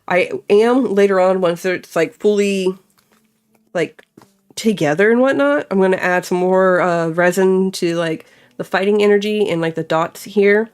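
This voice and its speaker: A young woman with a fairly low, clean-toned voice chats casually while crafting, thinking out loud and peppering her speech with "like." She's a crafting vlogger.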